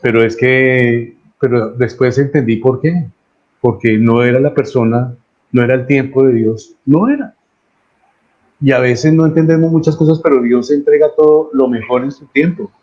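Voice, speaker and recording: Earnest Colombian pastor, repeats for emphasis. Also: male voice, medium pitch, fairly even intonation, moderate pace, darkish tone, highs cut off. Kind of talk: sermon.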